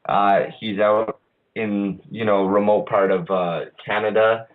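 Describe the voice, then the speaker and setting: A man's voice: fairly low pitch, little pitch movement. A man hosting an online radio show, talking casually with lots of hesitations and restarts. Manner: halting, many uhs and restarts. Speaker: podcast host. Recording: phone-line quality audio.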